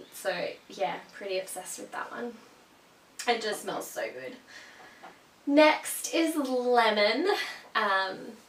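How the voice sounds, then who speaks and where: A young woman vlogger from Australia, slightly sniffly because of a cold, talks casually about a product to camera in a chatty, gushing manner loaded with ums. Her voice is mid-range and a bit bright. The audio is distant and roomy, with a faint hum in the background.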